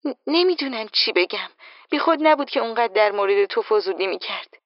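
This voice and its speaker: A woman's voice: on the high side, expressive, dry recording, highs cut off, pitched above the performer's own voice, close to an everyday voice. A woman voicing a nosy, worried young friend in an audiobook, asking insistent anxious questions. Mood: curious. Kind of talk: audiobook character voice.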